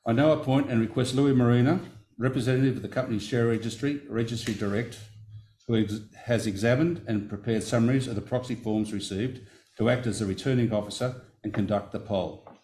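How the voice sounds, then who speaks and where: A man chairs a company meeting in a meeting room, reading resolutions and vote counts formally and with care, pausing at times to correct a figure. His medium-pitched voice is dark with fairly even intonation, and the recording is rough.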